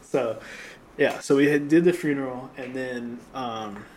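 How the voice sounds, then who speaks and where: A young man in casual chat, telling a long story with lots of fillers and restarts, and a slightly rough voice that he often clears. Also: mid-range voice, unhurried, darkish tone, a little hiss or hum. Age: young adult. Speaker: podcast co-host.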